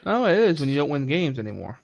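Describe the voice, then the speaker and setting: A young man on a sports betting show pushes back sarcastically and cuts in often. His voice is a bit high, with a gravelly edge. The recording is dry and lo-fi, with the top end dulled. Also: sing-song, fast talker, a little mellow, no echo. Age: young adult. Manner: combative, sarcastic, interrupting. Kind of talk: casual sports debate. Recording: dull lo-fi mic.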